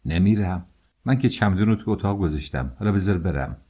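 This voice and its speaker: A man's voice: deep voice, expressive, dark tone, slightly rough. A man voicing a defiant young wife who speaks in curt commands.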